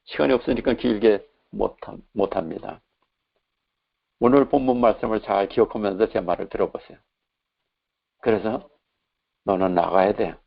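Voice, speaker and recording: A man, a pastor, preaching a sermon and retelling an exorcism as animated dialogue. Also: lowish voice, moderate pace, creaky, long pauses. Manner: animated storytelling, acting out voices in quotes. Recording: dull lo-fi recording.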